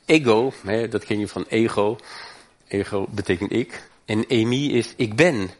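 A man's voice: lowish voice, unhurried. A man preaching a sermon, fervent and emphatic, his voice climbing on key points.

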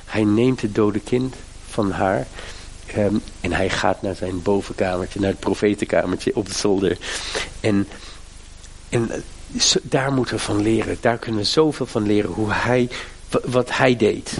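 A man's voice: lowish voice, a little slow, creaky, a little hiss or hum. A middle-aged man preaching a sermon, with fervent, emphatic appeals to his listeners. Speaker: pastor.

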